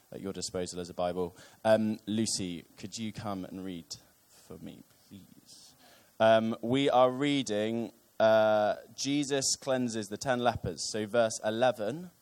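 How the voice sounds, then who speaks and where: A man's voice: lowish voice, a little mellow, clean tone. A young man preaching a casual sermon to his church, with many ums and wry asides.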